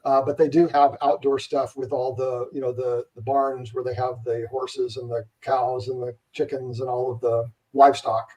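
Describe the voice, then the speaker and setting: A man hosting a casual live-stream interview, relaxed and rambling with plenty of fillers. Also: medium pitch, moderate pace, hardly any pauses, distant mic, poor audio. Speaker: host, interviewer.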